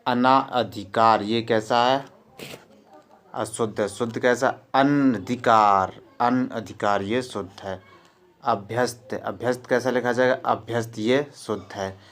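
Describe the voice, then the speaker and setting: A man's voice: mid-range voice, steady tone, measured pace. A male teacher giving an exam-prep spelling lesson, repeating each word and quizzing his students. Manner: drills words by repeating them and quizzing students.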